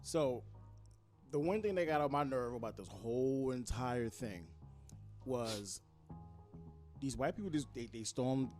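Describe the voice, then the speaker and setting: A man's voice: medium pitch, lively intonation, measured pace, long pauses, darkish tone, soft background music. A man who is a guest on a radio talk show, speaking casually and stumbling over his words. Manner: stammering, restarting words.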